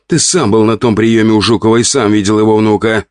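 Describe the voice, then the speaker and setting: A man reading an audiobook, voicing an indignant, sharp-tongued countess of about forty. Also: on the low side, fairly even intonation, brisk, smooth, dry recording, clean studio sound, voice pushed up, natural voice. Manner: huffy, pleading, indignant.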